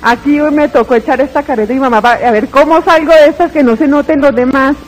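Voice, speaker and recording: A woman's voice: high-pitched, quick pace, a little hiss or hum, low-quality recording. A woman giving a dramatic, tearful religious testimony, retelling her story with fervor.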